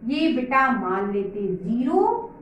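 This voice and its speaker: Slow, lively woman maths teacher. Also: a little high, muffled recording. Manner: patient, calls pupils "beta", asks and answers her own questions. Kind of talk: whiteboard maths lesson for children. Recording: very echoey room, faint noise.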